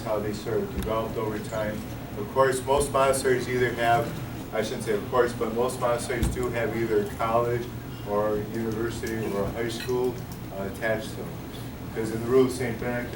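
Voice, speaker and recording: A man's voice: on the low side, noisy background. Man in his sixties, joking, in a roomy hall. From United States. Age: 60s. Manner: self-deprecating joking, rambling with restarts. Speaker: priest and monk speaking at a luncheon. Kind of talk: informal talk to an audience. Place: luncheon hall. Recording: roomy, distant, with loud room ambience.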